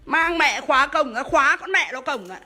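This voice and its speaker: A woman, a homeowner shouting and swearing as she scolds police officers at her gate. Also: sits high, lively intonation, moderate pace. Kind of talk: heated real-life argument.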